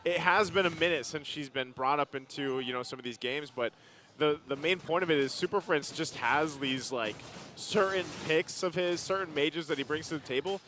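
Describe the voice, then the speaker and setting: Bright-toned male esports analyst. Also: a little high, moderate pace, slight background noise. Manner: relaxed, rambling analysis with fillers. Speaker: esports color commentator.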